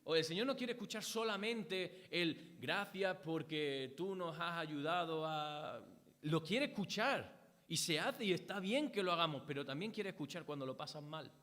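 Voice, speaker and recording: A man's voice: on the high side, expressive, moderate pace, fairly bright tone. A man from Spain, with a Spanish accent, preaching a sermon in earnest tones, repeating phrases and quoting scripture. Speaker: pastor. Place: church hall. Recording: long church hall reverb.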